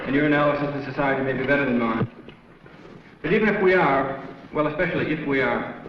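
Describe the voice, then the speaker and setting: A man's voice: on the high side, a little hiss or hum. A man giving a reflective, earnest public speech, captured on old newsreel sound. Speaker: anti-war speaker. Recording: very echoey, distant, dull newsreel sound.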